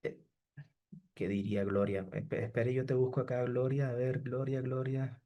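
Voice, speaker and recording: Warm and level, at a normal speed, a medium-pitched male instructor teaches a live online course. He responds to chat messages by addressing students by name, closing nearly each point with "¿sí?" and "estimados".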